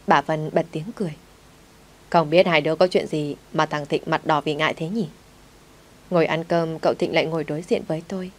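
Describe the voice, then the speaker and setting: Story narrator: woman, low voice, reads all the parts herself. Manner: voices every character in one steady reading. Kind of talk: narrated family drama audiobook.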